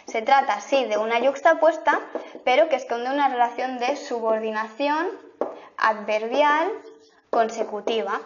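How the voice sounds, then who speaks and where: A woman teacher explaining grammar in a lesson, repeating example sentences slowly to make each point. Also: fairly high pitch, lo-fi sound, a little hiss or hum. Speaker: language teacher.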